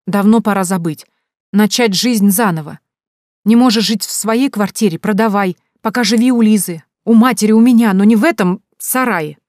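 A woman reads an audiobook in a mid-range, slightly mellow voice at a moderate pace, pitching it a bit above her own natural voice while staying close to everyday speech. She plays a bossy grown sister who lectures her brother dismissively. The recording is dry, with a clean studio sound.

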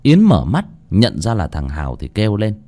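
A man narrating a horror story in a dramatic, expressive way. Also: fairly low pitch, moderate pace.

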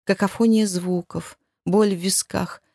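A woman reading first-person audiobook narration in a measured, expressive way. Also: mid-range voice, gravelly, dry recording, clean studio sound.

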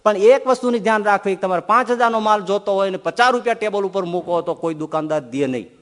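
A male swami giving a humorous storytelling sermon, shifting between soft and loud delivery. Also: sits high, quick pace. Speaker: swami giving a scripture discourse. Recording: echoey hall.

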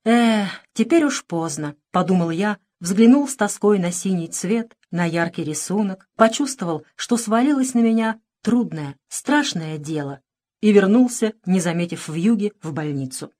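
A woman reading a literary audiobook with measured, expressive narration. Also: mid-range voice. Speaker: audiobook reader.

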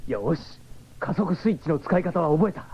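An actor playing an eager, brave young cyborg hero in a 1970s radio drama. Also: male voice, a little high, animated, moderate pace, vocal fry, husky, heavily acted. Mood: eager, defiant. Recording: muffled 1970s radio broadcast, music behind.

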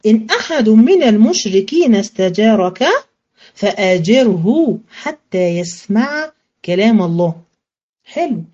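A woman teacher with an Egyptian accent giving a religious studies lesson in colloquial Arabic, asking questions and answering them herself, and slowing to a chant when she recites verses. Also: medium pitch, dark tone, highs cut off.

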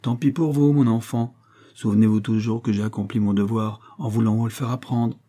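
A man reading aloud voices a vain, pompous middle-aged widow who scolds her niece haughtily, with sudden rises in pitch. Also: steady tone, a little fast, dark tone, close to an everyday voice. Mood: haughty.

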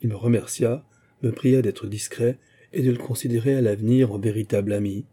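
A man narrating a first-person memoir as a literary audiobook, in a measured, even storytelling manner. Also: mid-range voice, slightly rough.

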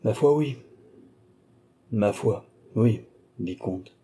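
A sly old marshal of the royal court, as a male reader puts him on, polite on the surface and ironic underneath. The voice sits low and dark, with a husky grain. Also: lively intonation, extremely slow, exaggerated voice.

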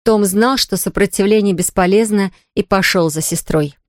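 A woman's voice: medium pitch, normal speed, dry recording. Fields: woman, storybook narrator, dry sound.

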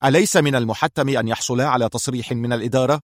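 A commanding male intelligence chief speaks with sharp authority, as a narrator puts him on. His voice is firm and brisk. The recording is dry and close. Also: medium pitch, no room sound, close to an everyday voice.

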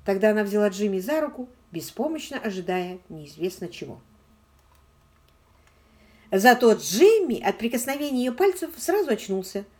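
A woman's voice: on the high side, a little mellow. A woman narrating a novel as an audiobook, with dramatic, varied intonation.

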